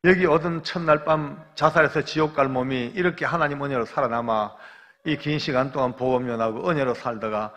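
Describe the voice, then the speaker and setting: A man voicing a young condemned man who speaks gently and earnestly, in an echoey church hall. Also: mid-range voice, brisk, natural voice. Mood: serene.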